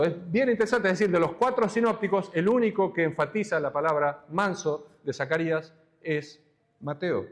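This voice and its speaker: A man from Argentina, preaching an expository sermon in a church and slowing down to stress the scripture he quotes. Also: a little high. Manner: teaching, quoting scripture slowly with emphasis. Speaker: pastor.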